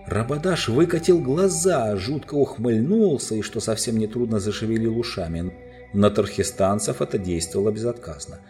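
A man's voice: fairly low pitch, normal speed. Man reading a storybook aloud. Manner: expressive reading, lively tempo. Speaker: narrator. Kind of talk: storybook narration. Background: faint music.

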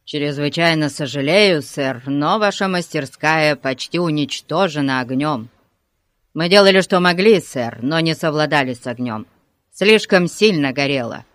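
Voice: medium pitch, measured pace, dry recording, natural voice. Bossy village cop who barks everything, read by an audiobook narrator; dry close sound. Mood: stiffly polite. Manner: shouting orders. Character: bossy loud village policeman, man. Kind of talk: audiobook character voice.

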